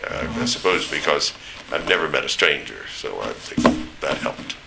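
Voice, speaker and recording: Deep-voiced older man, standard American accent. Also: animated, moderate pace, vocal fry, heavy background noise. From East Tennessee, United States. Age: older, 70s or above. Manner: rambling, anecdotal, searching for names. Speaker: interviewee recounting memories. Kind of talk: oral history reminiscence.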